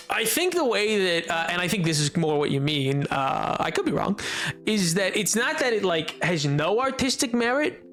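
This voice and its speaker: Live-streaming and answering viewers, a man rambles playfully, stumbling through fillers and restarting often. His voice sits high with a fairly bright tone.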